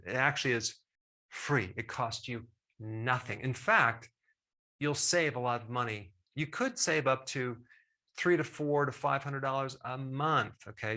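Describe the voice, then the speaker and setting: A man's voice: mid-range voice, pushed and bright. A middle-aged man hosting a health talk straight to the viewer, enthusiastic and emphatic, with casual asides. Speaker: health educator host. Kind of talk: direct-to-camera health talk.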